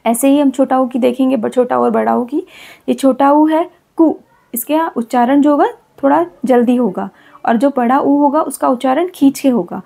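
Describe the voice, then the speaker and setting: A woman teacher explaining Hindi vowel signs to children, repeating example words slowly and patiently. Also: sits high, vocal fry, warm tone.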